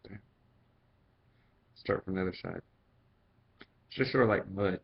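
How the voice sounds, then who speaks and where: Low-voiced man, casual reviewer. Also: measured pace, vocal fry, breathy edge. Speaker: product reviewer. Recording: dull, lo-fi sound.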